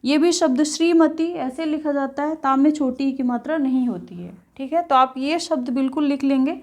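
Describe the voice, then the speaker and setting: A woman with a high voice teaches an exam-prep spelling lesson. She repeats each word slowly and clearly. She keeps checking in with her students as she goes.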